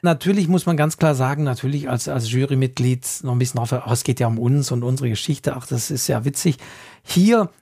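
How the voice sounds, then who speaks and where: A man's voice: mid-range voice, a little fast, creaky, dark tone, husky. A man co-hosting a writing podcast and talking through a story as a contest juror, thoughtful and repeating himself as he searches for words. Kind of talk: casual discussion of stories.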